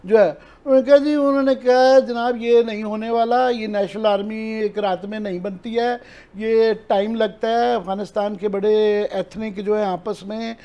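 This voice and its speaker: A man with a Pakistani Urdu accent speaks as a talk-show analyst. His voice sits high for a man and has a mellow, soft tone. He explains things earnestly and sprinkles in English terms. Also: steady tone, few pauses. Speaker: political analyst.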